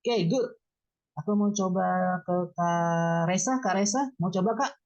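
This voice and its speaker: Over a video call, a woman teaches a beginner Mandarin class online in a lowish, slightly mellow voice, never hurrying. She encourages her students, calls on them by name, and repeats syllables. The sound is slightly dull and lo-fi.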